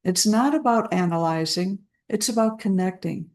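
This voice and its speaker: A woman speaking as a trauma recovery coach, guiding listeners through a self-help practice in a gentle, soothing way with deliberate pauses. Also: medium pitch. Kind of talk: slow guided self-help talk.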